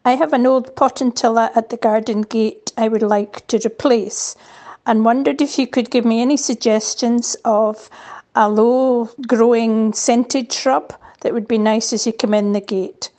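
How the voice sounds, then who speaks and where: A woman reading out a prepared listener's question. Her voice is mellow and a little high. She speaks as someone sending in a recording to a programme. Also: steady tone, unhurried.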